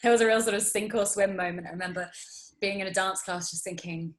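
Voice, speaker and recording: The guest on this interview is an actress in her thirties raised in the UAE; she chats casually and rambles, restarting often and leaning on fillers. She talks fast with a steady tone at medium pitch, and the audio is poor.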